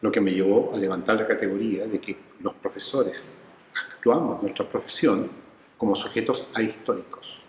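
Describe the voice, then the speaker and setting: A man's voice: fairly low pitch, normal speed, roomy sound, in a large hall, slight background noise, low-quality recording. A man, telling his research stories in an interview and acting out the people he quotes. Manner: animated storyteller who acts out quoted voices. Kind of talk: reflective storytelling interview.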